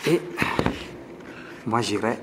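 In an empty indoor exhibition hall, a French-accented artist vlogger in his forties chats to camera, addressing viewers as friends. His low-ish voice is animated with drawn-out words. The handheld camera at arm's length captures very noisy audio, with long hall reverb and music behind.

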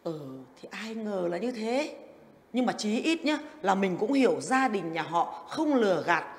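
A woman's voice: mid-range voice, expressive, a little slow. An actress playing a practical older wife, who coaxes her husband and speaks firmly. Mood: coaxing. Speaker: grandmother in a TV drama. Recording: reverberant set.

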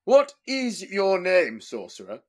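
An actor playing an imperious, suspicious medieval tsar who speaks in archaic, formal phrases. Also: male voice, high voice, wildly swooping pitch, slow, darkish tone, full character voice. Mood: haughty. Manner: archaic formal speech, wailing laments.

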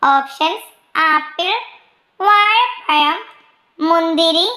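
A woman reading out quiz questions, their options and the answers in a slow, measured way, dropping her pitch for each list of options. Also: bright, forceful tone, roomy sound. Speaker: quiz reader.

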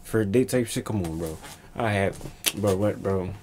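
Young male reaction co-host, low-pitched, joking slang, faint hiss behind. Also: normal speed, a little mellow. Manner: joking, loose slang, trailing restarts. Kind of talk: casual chat.

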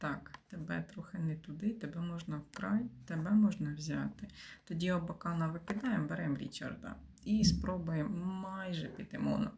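A woman's voice: fairly low pitch, normal speed, creaky, darkish tone, a little hiss or hum. A woman giving casual commentary while playing a puzzle game, thinking aloud and often dropping to a mutter or whisper. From Ukraine. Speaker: game streamer.

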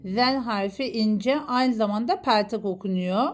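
A woman teaching a Quran reading lesson, slowly and patiently sounding out letters one by one. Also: on the high side. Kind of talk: slow recitation lesson.

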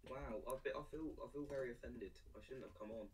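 A man's voice: mid-range voice, fast talker. Self-mocking guy on a distant mic. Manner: self-mocking, joking, distracted. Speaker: friend on the stream. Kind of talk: casual chat on a voice call. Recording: distant mic with faint noise.

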